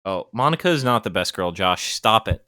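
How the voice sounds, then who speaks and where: A male streamer chats casually while reading a visual novel aloud, wandering into rambling, self-deprecating asides. His tone is bright and forward, with lively swings in pitch, and the sound is dry and close. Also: normal speed, no echo. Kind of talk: casual let's-play commentary.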